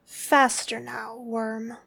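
A woman delivering a scripted dominant roleplay in a slow, commanding, contemptuous tone that often drops to a whisper. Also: on the high side, little pitch movement, vocal fry, fairly bright tone, husky.

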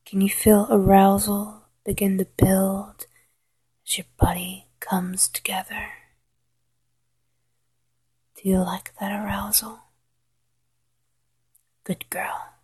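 A woman whispering a slow, coaxing guided hypnosis roleplay in a soft, intimate voice. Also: medium pitch, flat delivery, breathy edge. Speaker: hypnosis narrator.

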